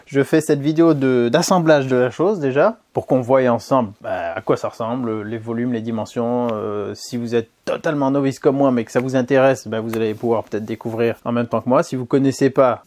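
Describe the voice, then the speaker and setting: A man's voice: medium pitch, darkish tone. Brief: French man in a mid register, chatty DIY host who rambles and pokes fun at himself, filming in a cold garage. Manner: chatty, self-mocking, rambling. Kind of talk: casual talk to camera.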